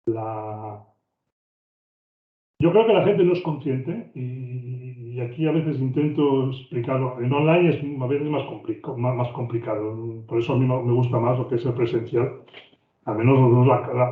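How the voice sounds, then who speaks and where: Man from Spain lecturing over a tinny call. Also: mid-range voice. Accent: Spain Spanish. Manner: conversational, often repeats words and restarts phrases. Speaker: business trainer. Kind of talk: online training lecture. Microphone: video call microphone. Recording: tinny, roomy online call audio.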